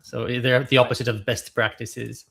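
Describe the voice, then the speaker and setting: A man in his thirties from Romania, a guest on a podcast interview, talking in a relaxed, thoughtful way with frequent fillers. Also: mid-range voice, normal speed, creaky, husky. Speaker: guest, startup founder.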